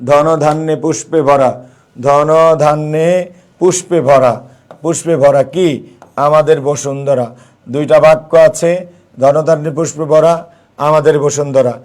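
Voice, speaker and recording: A man's voice: on the high side, darkish tone. A young man teaching an exam-prep grammar lesson, repeating key phrases and quizzing his listeners.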